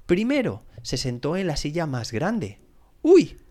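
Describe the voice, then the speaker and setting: Expressive male storyteller, animated. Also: a little high, measured pace. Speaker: storyteller, podcast host. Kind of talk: scripted bedtime story narration.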